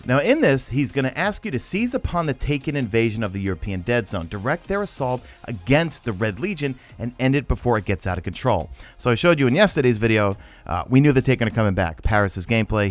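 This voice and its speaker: Animated man hosting gaming news. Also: mid-range voice. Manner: animated, conversational, emphatic. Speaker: gaming news video host. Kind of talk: casual commentary, reading out and breaking down articles. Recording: voice-over with background music. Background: background music.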